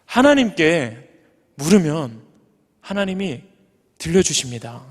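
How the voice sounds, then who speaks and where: A man preaching a sermon as a pastor, earnest and personal, building up to high emphatic peaks. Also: big pitch swings, measured pace. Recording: long church reverb.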